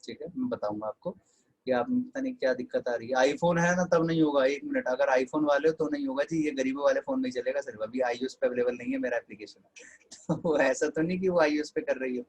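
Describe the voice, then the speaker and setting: A man's voice: medium pitch, fairly quick, darkish tone, husky, poor audio. A man with an Indian accent teaching an online English class, chatty and scolding students fondly.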